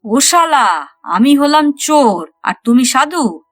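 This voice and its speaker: A blustering older man in a furious temper, as a woman narrator puts him on, shouting his protests. The voice is close and dry, with soft music in the background. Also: fairly high pitch, normal speed, no room sound, close to an everyday voice. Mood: indignant.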